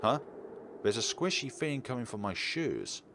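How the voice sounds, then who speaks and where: A man hosts a game playthrough, reading the story text aloud, voicing the dialogue and throwing in his own commentary. His mid-range voice swings widely in pitch at a moderate pace. Loud game music plays behind him, with slight background noise.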